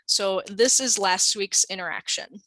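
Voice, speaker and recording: A woman narrating a training scenario in a measured, deliberate reading. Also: medium pitch, pushed and bright, no room sound, rough recording. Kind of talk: scripted narration.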